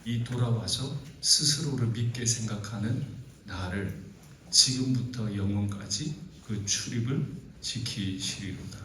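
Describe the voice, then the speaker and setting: A middle-aged pastor preaches a sermon at a youth retreat in a large church hall, his voice fairly low and a little slow, with a touch of hiss or hum. He tells stories with animation and feeling, rising now and then into exasperated outbursts. The hall is echoey and he sounds far from the mic.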